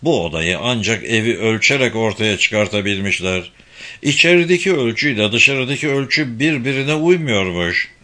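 A man reading a novel aloud in a measured, even storytelling manner. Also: fairly low pitch. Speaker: narrator. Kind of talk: audiobook narration.

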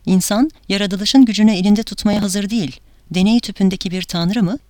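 A woman's voice: medium pitch, brisk, darkish tone, no room sound, studio quality, natural voice. A woman voicing a fervent male priest, zealous and anguished, with an intense, fanatical delivery.

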